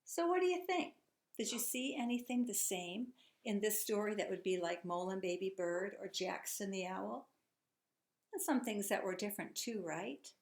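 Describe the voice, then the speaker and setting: A woman teacher with a mid-range, animated voice reads a children's storybook aloud at normal speed, encouraging her young listeners and asking them questions. The room is echoey.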